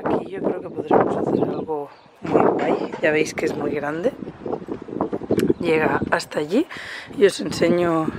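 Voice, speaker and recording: A woman's voice: deep voice, very noisy. A woman vlogger chatting casually as she walks around her house and garden, explaining the plans. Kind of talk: casual home tour vlog. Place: outdoors in a garden and terrace.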